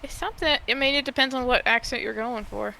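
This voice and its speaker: A woman's voice: a little high, fast, gravelly, bright, forceful tone. A woman chatting casually as a guest on a stream call, informal, rambling and blunt. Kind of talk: casual chat. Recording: faint noise on a call.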